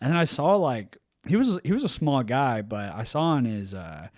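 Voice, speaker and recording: A man's voice: medium pitch, big pitch swings, normal speed, darkish tone, dry recording, studio quality. A man in his thirties co-hosting a podcast, rambling through a story and acting out the quotes. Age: 30s. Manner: rambling anecdote with acted-out quotes. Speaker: podcast co-host. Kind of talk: casual storytelling chat.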